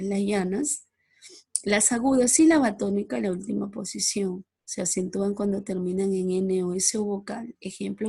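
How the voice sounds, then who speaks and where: A woman with a husky, breathy voice and a gravelly edge walks through a recorded slide-presentation lesson. Her tone is mellow and somewhat dark, and she reads each rule and example in a measured, explanatory way. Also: medium pitch. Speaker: teacher.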